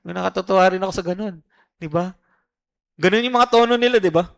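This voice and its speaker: A man preaching a conversational sermon as pastor at a church service, often asking his listeners "di ba?" and drawing out key phrases slowly for emphasis. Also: high voice, creaky. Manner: mimics social media influencers. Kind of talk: Taglish sermon.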